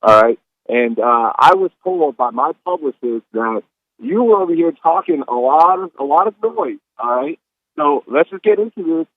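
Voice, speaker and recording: A man's voice: a little high, moderate pace, dry recording. A man calling in and playing a brash, defensive male monkey, heard over a distorted, fuzzy phone line with the phone held too close. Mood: defiant. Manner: defensive, rambling, excitable. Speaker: caller.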